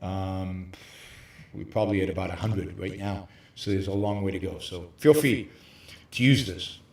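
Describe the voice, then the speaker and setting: A man hosting a livestream, lecturing emphatically from a hotel room with very high ceilings, his voice carrying a hollow cave-like echo. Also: normal speed, darkish tone. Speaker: show host. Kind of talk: livestream talk on philosophy.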